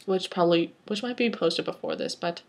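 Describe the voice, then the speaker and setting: A woman's voice: on the low side, brisk, creaky, noisy background. Chatty woman reading fanfic with asides. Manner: chatty, rambling asides, wry. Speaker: reader. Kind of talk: reading fanfiction aloud with commentary.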